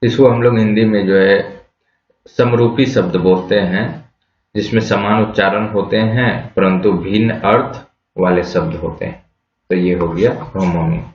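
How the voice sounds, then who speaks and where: A man teaching English vocabulary in a slow classroom explanation, spelling words out letter by letter and asking rhetorical questions before answering them. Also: fairly low pitch, fairly even intonation, slight background noise. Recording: echoey, dull lo-fi room sound.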